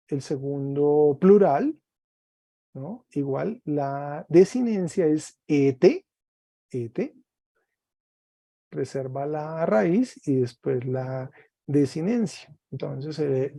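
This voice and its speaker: A man teaching Greek in an online class, speaking slowly and patiently, repeating words for students over a video call. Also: on the high side, vocal fry, mellow, no echo.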